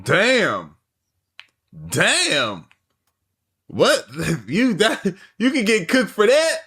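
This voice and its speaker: A man's voice: high voice, wildly swooping pitch, very slow, sharp tone, slightly rough, faint music behind. Slangy, rambling male streamer. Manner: slangy, loose and rambling, lots of "you feel me". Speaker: streamer reacting to a video. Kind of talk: casual chat.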